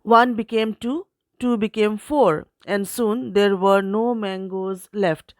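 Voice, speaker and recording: A woman reading a story aloud to children in a measured way. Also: medium pitch, fairly even intonation, dry recording.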